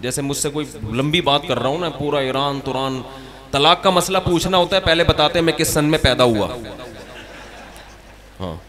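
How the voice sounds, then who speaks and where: A man delivers a sermon in a somewhat high voice. He shifts between plain talk and acted-out exchanges while speaking to a gathering. A crowd can be heard clearly behind him. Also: normal speed, pauses often. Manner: conversational, acting out dialogues and stories. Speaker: Islamic preacher. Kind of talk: sermon to a conference audience.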